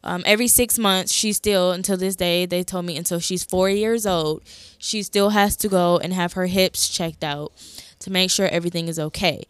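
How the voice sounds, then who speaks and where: A woman's voice: fairly low pitch, fairly even intonation, moderate pace, clean tone, no echo. A young woman hosting a podcast, telling a personal story in a casual, chatty way with lots of fillers. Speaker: podcast host. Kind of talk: casual chat.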